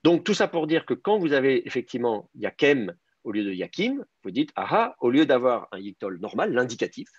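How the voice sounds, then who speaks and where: A man leads an online grammar lesson, his pitch moving a lot as he works through each point out loud. The voice is a bit husky and comes across dry, as if over a computer microphone. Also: very animated, normal speed, no echo, muffled recording. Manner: explains step by step, thinking aloud with many "euh". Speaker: teacher. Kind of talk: online Hebrew grammar class.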